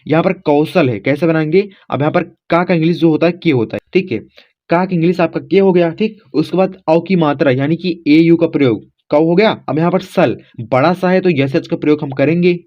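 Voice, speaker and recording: A man explaining a lesson in an easygoing, talkative way. He walks through each letter one at a time and keeps checking in with the listener. His voice sits a little higher than usual and comes through a dull, lo-fi recording. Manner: repeats "theek" constantly, spells letters aloud step by step; addresses viewers as friends, informal. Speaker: teacher. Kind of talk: casual classroom explanation.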